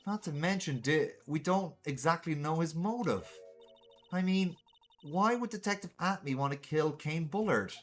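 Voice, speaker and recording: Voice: mid-range voice, animated, normal speed, soft background music, voice pushed up, natural voice. A streamer voicing a cheerful, worried young female spirit medium in a game read-through.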